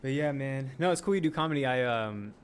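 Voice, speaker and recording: A man in his late twenties, a sketch comedian talking casually as a podcast guest, animated and swearing freely. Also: mid-range voice, fairly quick, crowd noise. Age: late 20s. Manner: animated, swearing, laughing often.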